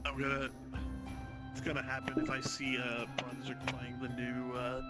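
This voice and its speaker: A man chatting casually with friends, relaxed and rambling, with frequent hesitations. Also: medium pitch, normal speed, over loud music. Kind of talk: casual chat among friends.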